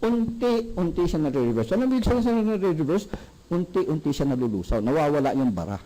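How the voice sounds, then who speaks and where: Animated man giving a sales seminar. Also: a little high, fairly quick, poor audio. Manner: animated, asks the audience questions. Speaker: product presenter.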